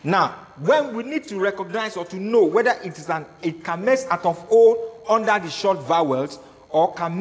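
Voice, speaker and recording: A man giving a Hebrew grammar lecture, repeating his points and asking the class questions. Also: high voice. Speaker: Hebrew teacher. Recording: echoey hall.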